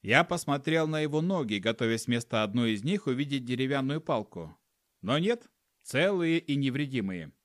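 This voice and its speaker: A man's voice: medium pitch, expressive, moderate pace, no room sound, clean studio sound. A man narrating a humorous first-person audiobook in a wry storytelling manner. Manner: wry storytelling with acted dialogue.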